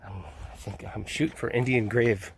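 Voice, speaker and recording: With a gravelly voice on the low side, a steady tone, and a moderate pace, a thru-hiker records a casual vlog on a phone held in his hand out in the mountains. He rambles, laughs often, swears now and then, and gets out of breath at times, and there's a little hiss or hum.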